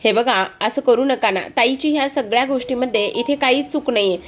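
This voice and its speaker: A woman's voice: fairly high pitch, a little fast, close to an everyday voice. A woman voicing a young woman who pleads with her mother to stop blaming someone. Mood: pleading.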